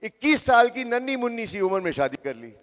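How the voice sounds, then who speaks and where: A man's voice: very high-pitched, very animated, a little fast, fairly bright tone, a little hiss or hum. A man in his sixties giving a motivational talk to young people, addressing the crowd directly and repeating phrases for emphasis. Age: 60s. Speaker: motivational speaker. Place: large hall with live audience. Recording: echoey hall.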